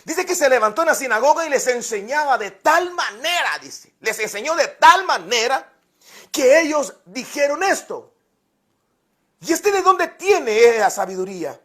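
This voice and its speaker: Male pastor, very high voice, storytelling sermon, repeats himself, talks right to the congregation. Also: a bit bright, slightly rough. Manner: repeats words, addresses listeners directly.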